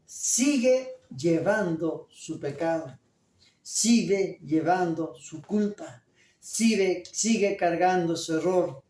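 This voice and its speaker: A pastor delivers a sermon slowly and deliberately, with a voice that rises and falls a great deal. The preacher often stops to put questions to the congregation. The sound is roomy and echoey, picked up from some distance away in a church. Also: medium pitch, animated, darkish tone.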